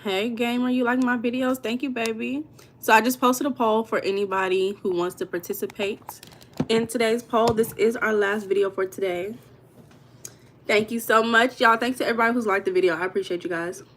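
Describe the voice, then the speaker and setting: A woman's voice: on the high side, fairly even intonation, fairly quick. American woman, livestream host, casual and chatty, talks straight to her viewers. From United States. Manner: chatty, addresses viewers as y'all, reads comments aloud.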